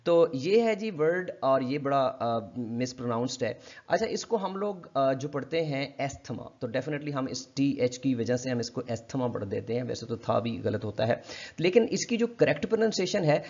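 A man from Pakistan, with a Pakistani accent, teaching English pronunciation in an online lesson. He talks politely and formally, explains patiently and repeats each word slowly several times. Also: a little high, dull audio.

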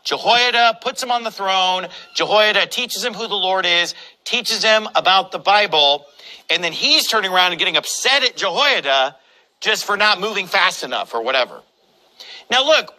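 A male pastor preaching with a high, bright voice that has a hard, forceful edge. He delivers his sermon combatively, mocking his opponents and hammering every point home. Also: low-quality recording.

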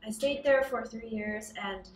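In an office beside a large window with city towers beyond, a young woman from Hong Kong who founded a startup gives an interview. Speaking unhurriedly in a higher voice, she's casual and reflective, often saying um, restarting, and laughing now and then; the mic is somewhat distant and the room echoes.

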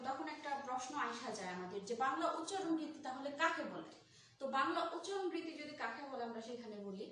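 A high-pitched woman teaches a grammar class, putting questions to her students and then answering them herself. She says each key term slowly and more than once. Her voice sits away from the mic in a very echoey room with faint noise behind. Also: fairly bright tone, far from the mic. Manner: repeats key terms slowly. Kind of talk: Bangla grammar lesson.

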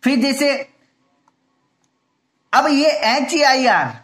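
A man's voice: very high voice, lively intonation, extremely slow, fairly bright tone, soft background music. Male teacher explaining grammar. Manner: explains step by step, repeats points, asks and answers his own questions. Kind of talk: grammar lesson.

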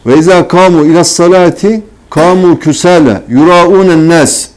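A man preaching in a warm, mellow voice, asking the room rhetorical questions and answering them himself. He often slips into a scolding, mocking tone when he talks about hypocrites. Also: on the high side, moderate pace. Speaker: religious teacher. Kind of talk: sermon-style religious talk.

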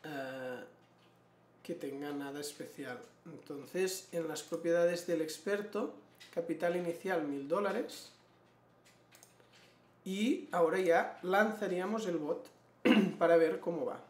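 Guy in his 40s explaining stuff on screen, kinda high voice, echoey room. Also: slow. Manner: explanatory, frequent throat clearing. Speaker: trading educator. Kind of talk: screen-share tutorial. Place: small room indoors. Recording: roomy echo.

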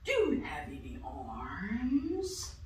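A sleepy, snooty male snake who drawls each word slowly and softly, as a woman puts him on. It is a storybook voice, recorded in an echoey room from a distance. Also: medium pitch, huge pitch swings, heavily acted. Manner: slow, soft, drawling. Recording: roomy, from a distance.

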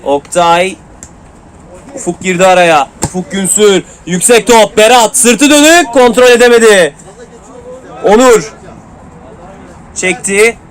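A man with a high voice commentates a local football match live, snapping out player names and quick calls. A faint crowd murmurs behind him at an outdoor pitch. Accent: Turkish.

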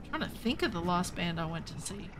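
Canadian woman game streamer in her thirties, lively sing-song pitch, bright chatter over a noisy background; cast for an excitable, rambling feel. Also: fast talker. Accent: Western Canadian. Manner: chatty, excitable, jumps between topics. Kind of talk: casual livestream chat with viewers.

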